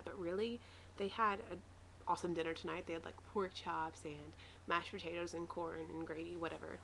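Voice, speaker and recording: Lower-voiced woman in a noisy, rambling video diary. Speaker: vlogger sharing a weight-loss surgery recovery diary. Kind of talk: casual personal video diary. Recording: noisy home video recording.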